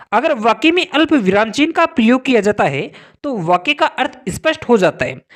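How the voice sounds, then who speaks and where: A woman narrating a scripted grammar lesson, slowing down to spell out example words and sentences. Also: fairly high pitch. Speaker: grammar teacher.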